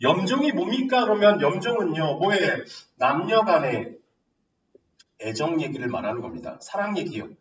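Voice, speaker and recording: A man teaching literature in a lively lecture, firing rhetorical questions and teasing his students. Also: on the high side, normal speed, reverberant, far from the mic, lo-fi sound, a little hiss or hum. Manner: asks rhetorical questions and answers himself, teasing. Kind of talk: animated classroom lecture.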